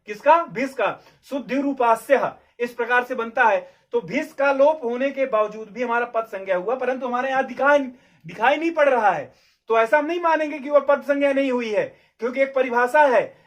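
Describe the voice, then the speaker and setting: A male Sanskrit grammar teacher with a strikingly high voice works through rules at a board. He repeats key terms and keeps asking his students whether everything is clear. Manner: repeats key points and checks understanding, asking questions aloud. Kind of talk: explaining at a board.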